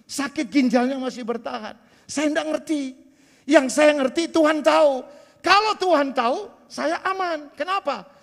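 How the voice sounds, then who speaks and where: A man in his sixties preaching a sermon as pastor, swinging between loud emphatic bursts and quiet asides. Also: extremely high pitch, vocal fry, long reverb tail. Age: 60s. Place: church sanctuary.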